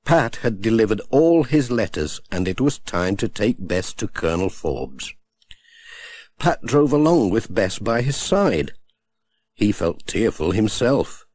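A man reading a children's storybook aloud in a gentle, unhurried way. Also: fairly low pitch, sing-song, no echo. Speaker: audiobook narrator.

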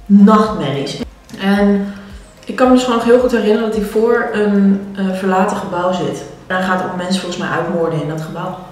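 A woman's voice: medium pitch, a little fast, darkish tone. A young woman telling a rambling story in casual chat, with filler sounds, while chewing edamame. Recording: very echoey room, faint music.

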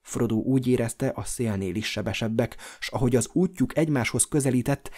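Male audiobook narrator, mid-pitched voice, measured and dramatic reading. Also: a little mellow. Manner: measured, dramatic storytelling delivery. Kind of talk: scripted narration.

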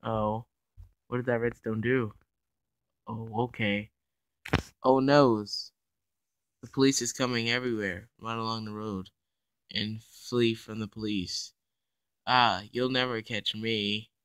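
Guy doing chill gameplay commentary, slow and playful, bright voice, dry close sound. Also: lowish voice, fairly even intonation, clean tone, dry recording. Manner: playful, narrates his own actions. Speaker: gaming YouTuber.

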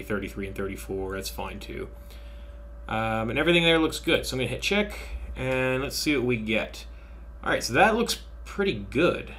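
A man walks through a machining software tutorial in an easygoing, unhurried voice of middle pitch. He thinks aloud, pauses with fillers and talks to his students like an instructor. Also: slight background noise. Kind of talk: software tutorial screen recording.

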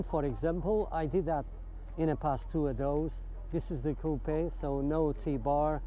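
Touring a car meet in an outdoor car park, this vlogger offers relaxed, excited walkaround commentary, admiring things and quizzing his viewers. He has a warm tone and a fairly high pitch.

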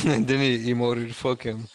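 A man's voice: mid-range voice, flat delivery, unhurried, dry recording. Man laughing so hard he has hiccups. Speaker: gaming video co-star. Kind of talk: casual chat between friends.

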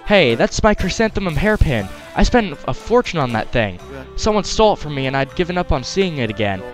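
A man reads out a shy, lovestruck townsman in a video game. He is earnest and hesitant in a lightly high voice, with faint music behind him. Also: sing-song, brisk. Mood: grateful.

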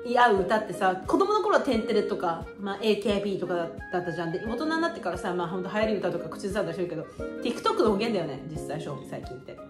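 A woman in her twenties chatting casually and excitedly in slangy speech while sharing songs. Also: medium pitch, very fast, echoey room, over music. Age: 20s. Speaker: YouTuber.

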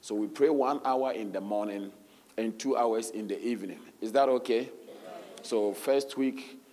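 A pastor with a hoarse voice, leading a loud, fervent prayer and then giving church announcements in a sermon. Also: male voice, lowish voice, unhurried.

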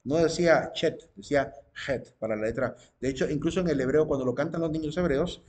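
A man's voice: a little high, fast, darkish tone. A man giving an informal religious teaching to viewers, explaining step by step with frequent fillers and tag questions.

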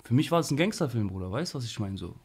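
Young male interview guest, casual slangy storyteller, medium pitch. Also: rapid-fire, breathy edge. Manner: animated, slangy, frequent "Bruder" and "weißt du".

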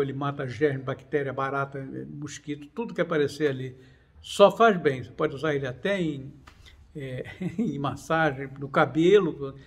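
A man, talking casually to his viewers, animated and digressive, full of restarts and fillers. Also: on the high side. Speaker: channel host. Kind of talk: casual talk to camera.

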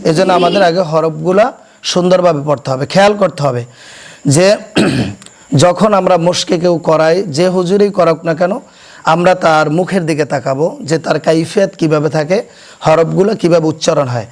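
A man teaching children to pronounce Arabic letters, explaining slowly and quizzing his pupils so they repeat after him. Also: a little high. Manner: asks questions and has pupils repeat; slow, deliberate explanation. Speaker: Quran teacher. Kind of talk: classroom recitation lesson. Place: madrasa classroom.

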